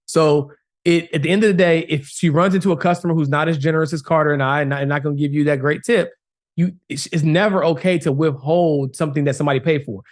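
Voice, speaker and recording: A man's voice: fairly high pitch, steady tone, fast talker. Emphatic man, podcast co-host. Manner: emphatic, preachy, keeps asking "right?". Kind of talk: casual podcast chat.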